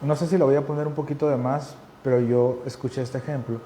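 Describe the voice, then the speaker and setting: A man's voice: mid-range voice, fairly even intonation, fast talker, dark tone, slight background noise. Earnest preacher man. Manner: earnest, conversational preaching with repeated emphatic phrases. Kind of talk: sermon teaching.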